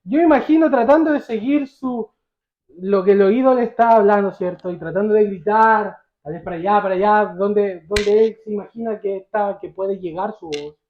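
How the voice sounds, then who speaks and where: A man's voice: high voice, normal speed, echoey room, lo-fi sound. A male pastor preaching a sermon, telling the story vividly and asking the congregation questions.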